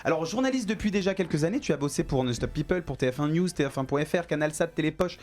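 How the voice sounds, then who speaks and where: Quick, higher-pitched male interview host. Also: expressive, a little mellow. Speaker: talk show host. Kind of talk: casual interview hosting.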